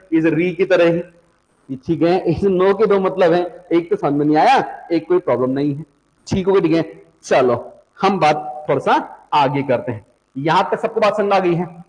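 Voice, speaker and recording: A man's voice: sits high, in a large hall, low-quality recording. A man teaching an online grammar class, calling his students "beta", asking again and again whether they follow, and repeating each point several times.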